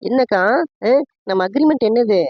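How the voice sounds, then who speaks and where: A woman voicing a sharp-tongued young woman in a cartoon family skit, defiant and scolding. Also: on the high side, animated, moderate pace, no room sound, highs cut off.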